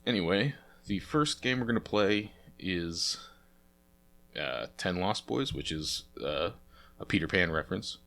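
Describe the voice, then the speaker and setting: Deep and sharp-toned, with lively intonation and a measured pace, this young man's voice is congested and sniffly from a cold. He's a let's play host giving casual playthrough commentary, chatty and rambling and full of "uh" fillers.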